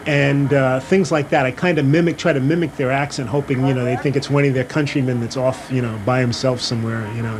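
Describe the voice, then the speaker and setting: A man's voice: mid-range voice, fairly even intonation, fast, hardly any pauses. A man who is a radio amateur, talking casually in an interview in a rambling, chuckling way. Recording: noisy recording with vehicle sounds.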